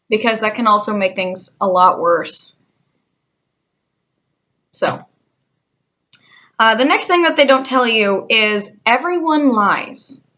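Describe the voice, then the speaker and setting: A woman's voice: high-pitched, fairly bright tone. A woman in her twenties who works in a call centre, chatting candidly with a sarcastic, cynical edge. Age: 20s. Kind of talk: casual vlog chat.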